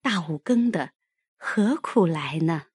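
A woman voicing a loyal young maidservant who speaks softly and soothingly in an audiobook. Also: on the low side, expressive, husky, no echo, studio quality, full character voice. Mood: coaxing. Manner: soft, soothing, quick. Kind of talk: audiobook character reading.

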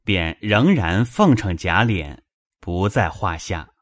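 Deep slow-paced male storyteller. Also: big pitch swings, dry recording, studio quality. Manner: measured storytelling, also voicing male characters. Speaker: narrator. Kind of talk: dramatized novel reading.

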